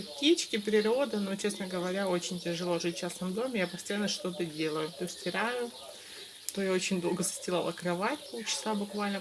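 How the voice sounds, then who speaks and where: Woman vlogger, noisy background. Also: mid-range voice. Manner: rambling, confiding, informal. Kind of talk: casual vlog chat to followers. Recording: clear background noise, home-made vlog.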